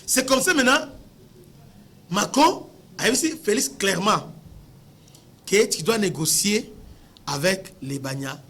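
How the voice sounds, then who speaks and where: His high-pitched, sharp voice moves at a measured pace, animated yet broken by long pauses. He is a Congolese-accented man from the Democratic Republic of the Congo giving passionate political commentary, stressing points with rhetorical questions and repeating words as he looks for the next.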